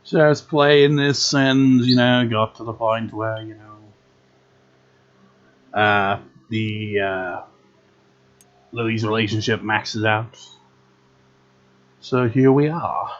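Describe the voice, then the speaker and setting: A man's voice: on the low side, fairly even intonation, slow pace, pauses often, muffled recording. A man giving casual, rambling video game commentary in a wry, unenthusiastic manner. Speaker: gameplay video host. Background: game music.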